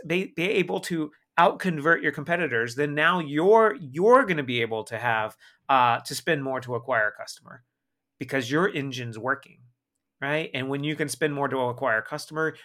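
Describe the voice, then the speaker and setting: A man with a mid-range voice, talking at normal speed, appears as a guest marketing expert on a podcast. He's energetic and emphatic, frequently ending points with "right?"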